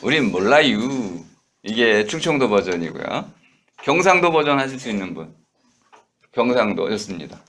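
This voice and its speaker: Low-voiced male lecturer coaching students. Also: big pitch swings, fairly bright tone. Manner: coaching students with quick prompts. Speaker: university lecturer. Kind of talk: classroom reading lesson. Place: lecture room.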